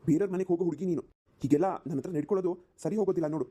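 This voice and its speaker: A woman's voice: on the low side, rapid-fire, dark tone, slightly rough, no room sound. A woman voicing a flustered young husband in a cartoon, pleading and exasperated. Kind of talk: cartoon voice acting.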